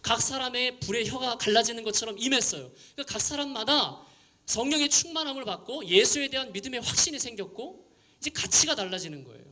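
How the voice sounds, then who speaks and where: A man's voice: high-pitched, pushed and bright. A man preaching a sermon at a youth prayer gathering in a church, speaking in a conversational and emphatic way. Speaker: pastor. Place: church sanctuary.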